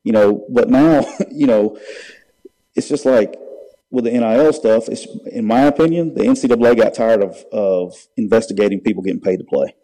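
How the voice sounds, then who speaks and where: A man in casual sports chat as a guest, halting and repeating phrases. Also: mid-range voice, warm tone, rough recording. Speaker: podcast guest.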